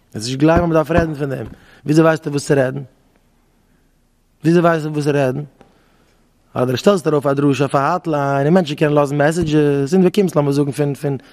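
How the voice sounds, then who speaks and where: A rabbi giving an informal lecture to young married men, firing repeated rhetorical questions and repeating phrases for emphasis. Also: male voice, a little high, darkish tone.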